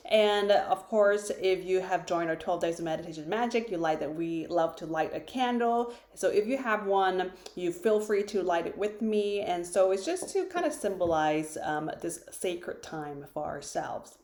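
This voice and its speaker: A woman who founded a retreat, guiding a meditation in a gentle, unhurried way with soft pauses, seated in her living room. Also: on the low side, roomy sound. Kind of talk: guided meditation. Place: living room, sitting on a floor cushion.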